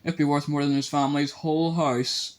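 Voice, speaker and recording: A man's voice: a little high, flat delivery, brisk, pitched above the performer's own voice, lightly acted. A man doing a sneering schoolboy bully. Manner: sneering, scathing. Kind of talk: audiobook character voice.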